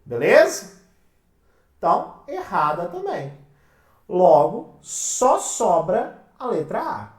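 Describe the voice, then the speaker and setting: Slow, lively Brazilian woman teacher. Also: medium pitch. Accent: Brazilian Portuguese. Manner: asks the class questions and answers them herself; calls the listeners "minha gente". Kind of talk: exam-prep lecture. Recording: roomy sound from a distant mic.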